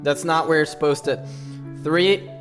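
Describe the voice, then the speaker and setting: A man's voice: a little high, fairly even intonation, a little slow, a bit bright. A man streaming a speedrun, chatting casually to viewers and himself as he sets up, heard through livestream headset audio. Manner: talks to himself while setting up, hypes himself up. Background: music.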